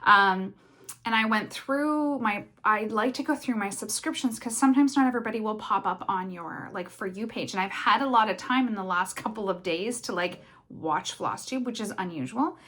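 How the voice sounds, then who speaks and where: A young woman from Canada talking casually to her viewers about the craft channels she follows. She talks fast and rambles, with lots of ums, uhs and restarts. Her pitch sits in an ordinary middle range for a woman. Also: fairly bright tone. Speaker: cross stitch vlogger. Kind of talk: casual chatty vlog.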